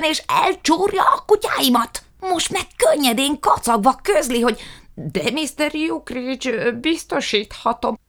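A woman's voice: high voice, pitched above the performer's own voice. A woman reading an audiobook, voicing an indignant, blustering middle-aged man who rants theatrically. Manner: loud, theatrical ranting.

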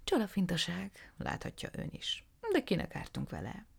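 A woman's voice: lowish voice, wildly swooping pitch, gravelly, husky, pitched above the performer's own voice, heavily acted. A woman voicing a fussy, theatrical little male art dealer who talks in a flowery, gushing way. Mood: sly.

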